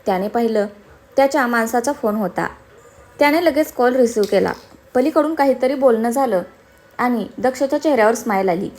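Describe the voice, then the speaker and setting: Lady reading a serial story aloud, kinda high voice, steady and expressive. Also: brisk. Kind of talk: scripted story narration.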